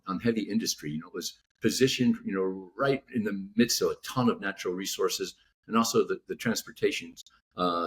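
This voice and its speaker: This author guest, a man from California, has a lowish voice in a casual podcast interview. His talk stops and starts, with lots of restarts and repeated "you know" fillers.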